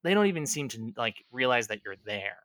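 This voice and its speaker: A man's voice: mid-range voice, very animated, fairly quick, fairly bright tone, dry recording, clean studio sound. A man narrating as game master of a tabletop game, rambling along with fillers and self-corrections.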